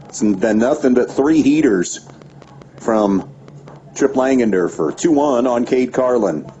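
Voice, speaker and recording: Male radio play-by-play voice, warm low tone, steady pitch-by-pitch calls, muffled lo-fi broadcast. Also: takes it slowly. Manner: steady pitch-by-pitch calling with stats between pitches. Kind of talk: baseball play-by-play commentary. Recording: dull lo-fi radio broadcast with faint background noise.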